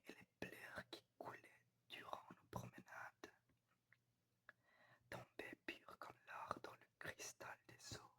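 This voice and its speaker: Slow, hushed whispering woman reading poetry. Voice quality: soft, breathy whisper. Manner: quiet, hushed, as if at night. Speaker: reader of poetry.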